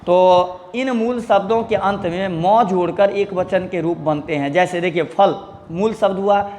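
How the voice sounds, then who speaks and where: A man's voice: high voice, a little slow, darkish tone, long reverb tail, a little hiss or hum. A man teaching a children's Sanskrit lesson, reading word lists with their meanings and saying "okay" often.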